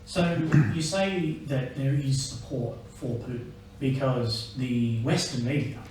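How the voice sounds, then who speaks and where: A man's voice: mid-range voice, slow, darkish tone. Male interviewer, conversational and tentative. Heavy room echo, slight background noise. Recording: very echoey, distant, faint noise.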